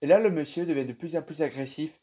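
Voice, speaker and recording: A young man with a French accent casually telling viewers about a dream, animated and chatty with many fillers. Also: a little high, fast talker, breathy edge. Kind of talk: casual storytelling to camera.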